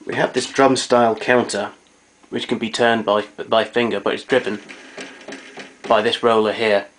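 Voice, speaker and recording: Indoors in a domestic kitchen, a vintage tape recorder collector gives an unscripted walkthrough of his machines, matter-of-fact and hands-on. His lowish voice is level and a bit bright at normal speed, captured with noisy amateur camera sound.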